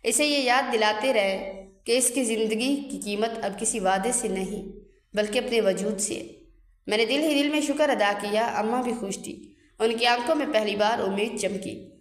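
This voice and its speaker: A woman narrating a dramatic story in an earnest, emotional way. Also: on the high side. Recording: echoey room with long reverb.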